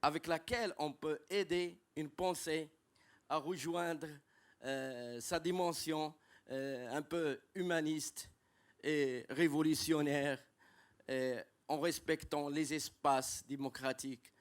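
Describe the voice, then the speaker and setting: A man from Italy with a foreign accent speaks broken, non-native French, making halting, emphatic impromptu remarks as an audience member at a conference. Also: a little high, fairly even intonation. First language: not French. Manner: halting, emphatic on key words.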